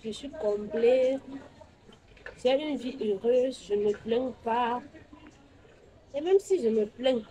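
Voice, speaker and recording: A woman's voice: a little high, slow pace, long pauses, mellow. A pregnant, newly married woman talking proudly and defiantly in casual chat.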